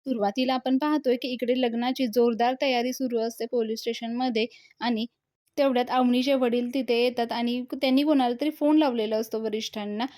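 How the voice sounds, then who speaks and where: Higher-voiced woman recapping a TV episode. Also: fairly even intonation, brisk, a little mellow, dry recording, clean studio sound. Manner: retells scenes and reads out characters' lines, with small slips and fillers. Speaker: TV serial review host.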